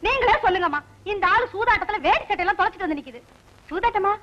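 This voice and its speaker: A woman playing a scolding wife in a film comedy, exasperated and sharp-tongued. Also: very high-pitched, expressive, racing, highs cut off.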